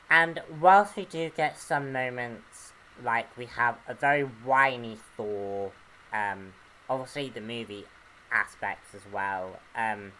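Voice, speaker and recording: A man giving an unscripted comic book review, earnest and hesitant, often pausing to search for words. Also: medium pitch, pushed and bright, slight background noise, rough recording.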